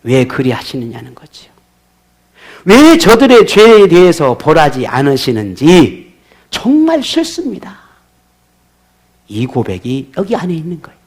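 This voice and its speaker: A man's voice: a little high, huge pitch swings, a little slow, pauses often, slightly rough. A male pastor preaching a sermon, asking his congregation rhetorical questions.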